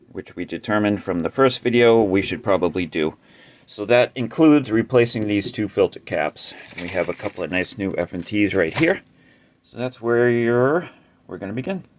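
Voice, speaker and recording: A deep-voiced man talks through a guitar amp repair in a relaxed, explanatory way, now and then swearing under his breath. The recording carries a faint background hiss. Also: normal speed. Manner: laid-back, explaining step by step with mild cursing. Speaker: amplifier repair host. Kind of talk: casual repair tutorial.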